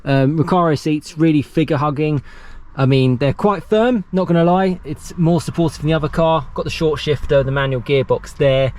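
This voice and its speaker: A man's voice: fairly high pitch, normal speed, darkish tone. Chatty young man talking cars. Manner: chatty, loose, laughs between lines. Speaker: car reviewer. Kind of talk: casual walkaround car review. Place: outdoors beside cars.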